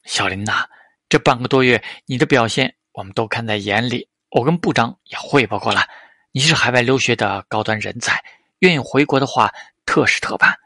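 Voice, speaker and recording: A man voicing an older male official with a deep, full voice, speaking in an earnest, measured, fatherly way. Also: bright, forceful tone, no echo.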